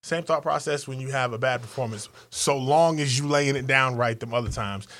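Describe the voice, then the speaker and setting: A man cohosting a podcast, telling raunchy stories in a profane, animated way and acting out voices. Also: mid-range voice, fairly quick. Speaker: podcast co-host. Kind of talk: raunchy comedic banter.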